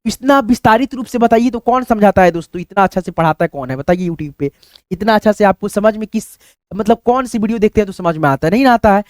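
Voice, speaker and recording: An expressive, fast-talking man with a high-sitting voice is heard in a dry, studio-quality recording. In his chatty screen-based language lesson, he frequently calls his listeners friends, checks their understanding, and elongates vowel sounds as demonstrations.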